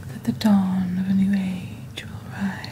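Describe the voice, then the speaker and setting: Acting as a mysterious witch who hosts a fantasy shopping channel, a woman presents magical wares in calm, lightly acted ASMR narration from a small dim indoor set. Her medium-pitched voice is soft, breathy and dark, almost whispered, and each hushed, theatrical phrase comes slowly and deliberately into a close fluffy-covered studio mic, with faint ambience and slight background noise behind her.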